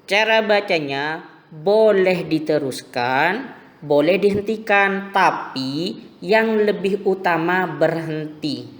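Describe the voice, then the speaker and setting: Guy teaching little kids religion class, real slow and patient, echoey room with long reverb. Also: high-pitched. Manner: slow, patient explaining to children. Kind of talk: recorded lesson for primary pupils.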